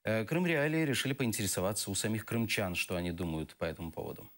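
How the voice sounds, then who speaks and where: A man reading scripted television news narration in an even, formal way. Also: on the low side, quick pace. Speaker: news reporter.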